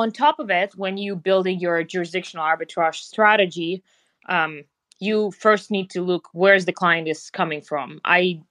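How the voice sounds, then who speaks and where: Russian-accented woman guest, lowish voice, dry close mic, measured explainer. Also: fairly bright tone, dry recording. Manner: explanatory, businesslike, some grammar slips. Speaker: guest, passport business founder. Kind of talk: conversational podcast interview.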